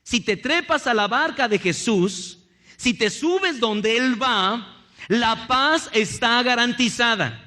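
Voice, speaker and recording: A man preaching a lively sermon in a church, acting out little scenes and joking with the congregation. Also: very high-pitched, takes it slowly. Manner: animated, acts out little scenes and jokes with the congregation. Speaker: pastor.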